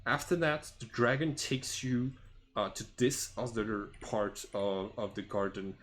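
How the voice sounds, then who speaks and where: A man working as game master, improvising the narration of a tabletop fantasy game and often searching for words in a halting way. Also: fairly low pitch, fairly even intonation, fairly bright tone, a little hiss or hum.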